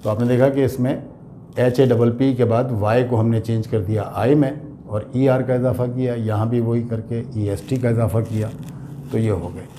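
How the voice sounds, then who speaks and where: A man's voice: medium pitch, steady tone, normal speed, warm tone, slight background noise. A man with an Urdu accent teaching English grammar, explaining patiently and spelling words out letter by letter. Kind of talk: classroom grammar lesson.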